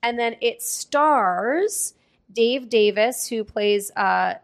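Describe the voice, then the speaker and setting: A woman's voice: a little high, extremely slow. A woman co-hosting a casual podcast, reading movie credits and critics' reviews aloud and laughing often. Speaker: podcast co-host.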